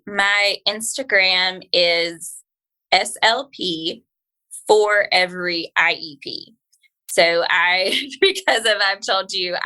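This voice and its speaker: A woman who works as a school speech-language pathologist is a guest on a podcast, talking informally in a conversational interview. She's earnest and encouraging, with a fairly low-pitched voice that sounds pushed and bright. The audio quality is poor.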